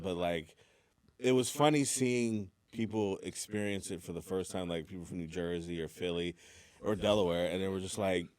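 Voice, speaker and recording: A man's voice: fairly low pitch, no room sound. A man hosting a podcast, telling stories in a laid-back, rambling, casual way in a studio. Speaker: podcast host.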